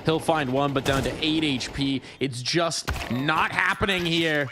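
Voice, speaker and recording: Male esports caster, higher-pitched, calling live play in dramatic short declarations, with game gunfire clearly audible behind. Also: unhurried, sharp tone, slight background noise. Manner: dramatic, declarative calls in clipped phrases. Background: game gunfire and clicks.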